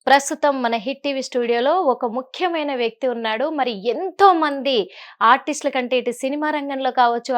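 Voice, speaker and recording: A woman with a somewhat high voice hosts an interview in a TV studio. She talks in a lively way, repeats her guest's answers back to him and laughs often. Her opening runs like a prepared introduction. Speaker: TV interview host.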